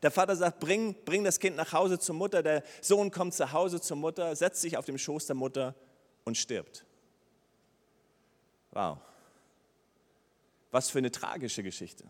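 A man preaching a sermon, retelling a Bible story with lively, acted-out dialogue. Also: fairly high pitch. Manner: lively storytelling preacher, acts out the characters' lines. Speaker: pastor. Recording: long reverb of a hall.

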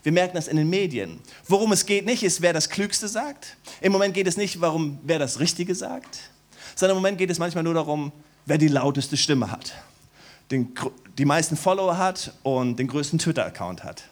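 A middle-aged man preaching a sermon to his congregation in a warm church hall, dropping to soft, low stretches and rising to loud, high exclamations. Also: normal speed. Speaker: pastor.

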